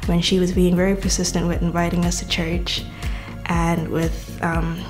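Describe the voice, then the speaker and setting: Twenty-something woman, earnest testimony, kinda flat, low-ish voice. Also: moderate pace, soft background music. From Caribbean. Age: 20s. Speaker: university student giving testimony. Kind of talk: personal testimony.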